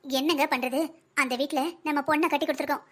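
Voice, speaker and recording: A fussy older wife and grandmother in a cartoon, voiced by a woman, speaking high and fast with a South Tamil Nadu accent. She pleads with and bosses her husband around in a rapid patter. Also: fairly even intonation, a bit bright. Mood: pleading. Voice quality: pleading, busy, bossy. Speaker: voice actor in a family cartoon. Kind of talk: cartoon family comedy acting.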